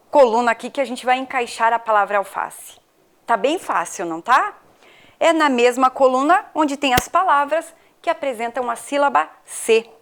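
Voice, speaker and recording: A woman from Brazil, a primary school teacher, giving a patient video lesson to children and asking them questions. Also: sits high. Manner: patient, questioning the pupils, spells out letters.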